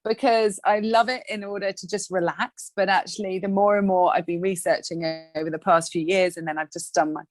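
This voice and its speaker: A woman's voice: medium pitch, fairly quick, few pauses. A woman guest on a podcast interview, chatting casually and animatedly about her life and work. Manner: chatty, animated, acts out little scenes. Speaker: guest coach.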